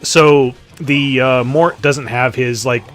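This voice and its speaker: A man's voice: mid-range voice, steady tone, slow pace, fairly bright tone, soft background music. A man giving casual, joking commentary over his game matches, swearing freely. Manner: profane, joking, offhand. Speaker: gaming commentator.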